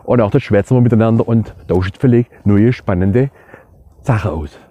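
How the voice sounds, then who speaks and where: A man's voice: fairly low pitch, moderate pace, warm tone, no room sound. A man with a Swabian accent explaining things casually and colloquially, speaking directly to his viewers as in a vlog. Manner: colloquial, addressing listeners directly. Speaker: dialect explainer.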